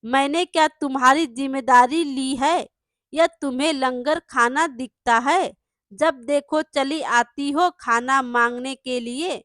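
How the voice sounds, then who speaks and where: A woman voicing an arrogant male landlord painter who shouts, scolds and boasts, in a storybook reading. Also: sits high, slow pace, dry recording, studio quality, full character voice. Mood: scolding.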